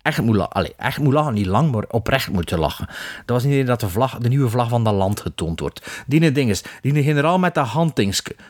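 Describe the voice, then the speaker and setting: A man's voice: mid-range voice, expressive, brisk, no echo, clean studio sound. A man with a Flemish accent, co-hosting a podcast and talking about films in a critical, emphatic way with many restarts. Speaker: podcast co-host. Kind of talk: casual film discussion.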